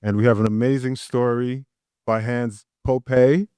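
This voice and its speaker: A man's voice: medium pitch, steady tone, normal speed, warm tone, clear, resonant tone, no echo, studio quality. A man hosting an interview podcast, asking loose, upbeat questions with fillers, recorded in an art gallery. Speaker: podcast host. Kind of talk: casual interview.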